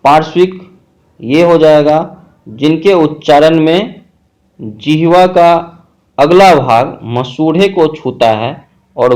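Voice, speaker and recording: A man's voice: a little high, a little mellow. A man teaching a grammar lesson, explaining step by step and listing examples one at a time with frequent check-ins. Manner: slow, methodical explaining with frequent "theek hai" check-ins.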